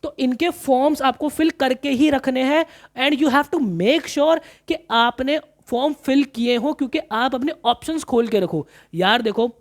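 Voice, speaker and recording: A man's voice: extremely high pitch, a little slow. A man coaching commerce students through exam planning in a casual, chatty way, often repeating himself and calling listeners brother. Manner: chatty, repeats phrases, calls listeners brother, mixes in English terms.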